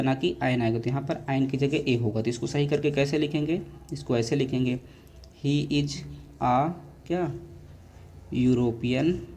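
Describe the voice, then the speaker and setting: A man's voice: mid-range voice, a little mellow, a little hiss or hum. A male English teacher explains grammar corrections for board exams to students, keeps asking rhetorical questions and answering them himself. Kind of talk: board exam grammar lesson.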